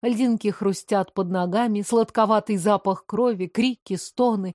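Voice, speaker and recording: A woman's voice: medium pitch, measured pace, darkish tone, no room sound, clean studio sound. A woman narrating an audiobook in a tense, dramatic storytelling manner. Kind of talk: scripted narration.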